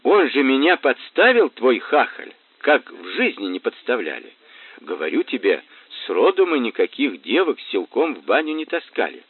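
Drunken rowdy thug voiced by a man, coarse loud threats, lively pitch, dry tinny audio. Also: normal speed, breathy edge, dry recording. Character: drunk, rowdy middle-aged male thug. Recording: tinny phone-like band, dry.

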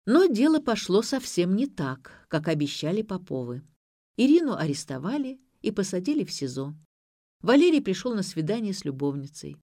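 A woman narrates an audiobook with expressive storytelling in a mid-range voice at moderate pace. The studio-quality recording has no room sound.

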